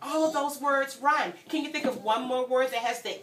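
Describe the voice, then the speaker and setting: A woman with a fairly bright, high-sitting voice reads a story to young children at normal speed, acting as a guest reader and teacher at story time. She asks them questions and prompts them to repeat words. The indoor room sounds roomy, the mic is distant, and children's voices surround her.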